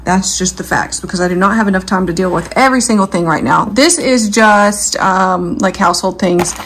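A woman's voice: mid-range voice, fairly quick, fairly bright tone, husky. A woman in her thirties chatting casually as she shows a grocery haul, rambling with fillers, recorded on a phone camera in her home kitchen. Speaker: lifestyle vlogger. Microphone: handheld phone camera.

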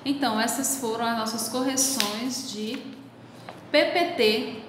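A woman teacher talks young pupils through a lesson, unhurried and patient, and affectionate toward them. Her voice sits high. The recording rings with a long, roomy reverb and a faint hiss behind it. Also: steady tone. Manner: patient, explains step by step. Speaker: primary school teacher. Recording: very echoey room with long reverb.

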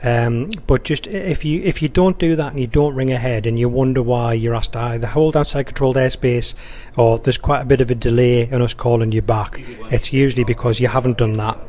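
Fairly quick with few pauses, this man's slightly mellow, medium-pitched voice holds a fairly even intonation. He works in air traffic control and is giving a relaxed, conversational instructional walkthrough with radio phraseology. He is beside a touchscreen in an indoor control room or workstation.

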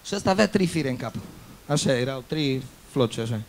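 A man telling jokes, swinging between loud outbursts and muttered asides. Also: medium pitch, animated, a little hiss or hum. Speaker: joke teller. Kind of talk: telling jokes with acted-out voices.

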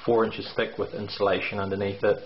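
In a bare brick basement that sounds roomy, a middle-aged man records a renovation walkthrough tour on his handheld camera mic, and the result is dull and lo-fi with faint hiss. He's the contractor, speaking in a fairly low voice with little pitch movement, explaining as he goes and pausing often with "um" and "uh."

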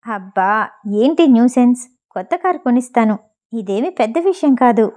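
A woman voicing a smug, rich young man who stays calm and teases in a lower, softer tone. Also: normal speed, natural voice. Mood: dismissive.

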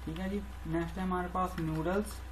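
A woman's voice: on the low side, fairly even intonation, a little fast, slight background noise, rough recording. A woman teaching programming over a screen recording, talking through each step as she types and often repeating her phrases. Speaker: programming tutor. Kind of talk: screen-recorded coding tutorial.

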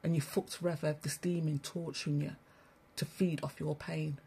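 A woman's voice: deep voice, fairly even intonation, normal speed, creaky, warm tone, slightly rough. A woman giving a blunt, preachy spiritual monologue to listeners she calls family, swearing freely as she rants. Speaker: spiritual broadcaster. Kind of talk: ranting livestream monologue.

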